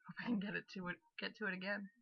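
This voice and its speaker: A woman's voice: mid-range voice, flat delivery, rapid-fire, slightly rough, muffled recording. A young adult woman hosting a let's play, chatting casually and reading game text aloud. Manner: chatty, self-commenting on her character voices. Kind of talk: casual game commentary and read-aloud narration.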